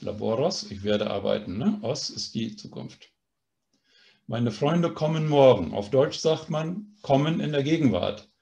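A man's voice: medium pitch, animated, measured pace, vocal fry, warm tone. A man teaching a language course, explaining grammar patiently and often checking in with a questioning "ne?". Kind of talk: online language lesson.

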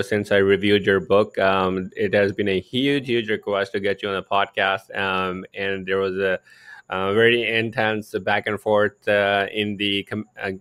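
A man's voice: on the low side, fairly bright tone, no echo. A man hosting a podcast interview over video call, chatty with many fillers. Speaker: podcast host. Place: home room. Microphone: headphones with desk mic.

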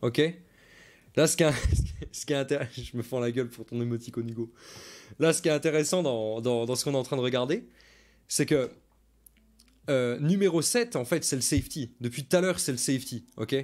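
Casual coach breaking down film. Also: male voice, mid-range voice, brisk, a little mellow. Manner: casual and chatty, explains by repeating his points, reads viewer comments. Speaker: football coach. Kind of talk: live stream breakdown of game film.

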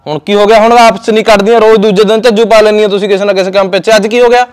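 A man's voice: high-pitched, fairly even intonation, clear, resonant tone, close to an everyday voice. A man playing an exasperated young husband and son who scolds his wife and mother, with a Punjabi accent, in an amateur short film. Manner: scolding and rapid-fire.

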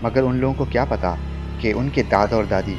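Man, storytelling narration, lively, playful, mid-pitched, music behind. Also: normal speed, lo-fi sound.

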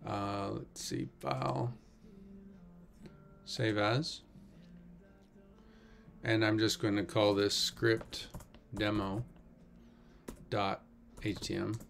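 A man's voice: on the low side, creaky. A man teaching a coding tutorial in a casual, wry way, thinking aloud with many fillers. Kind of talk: screen-recorded coding tutorial.

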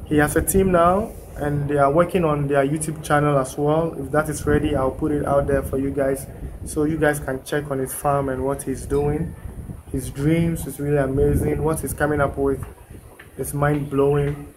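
A young Ghanaian man with a slightly high voice speaks at a moderate pace with flat delivery against a noisy background. The vlogger is outdoors at a building site, holding his phone at arm's length and chatting loosely to his audience, full of fillers and restarts.

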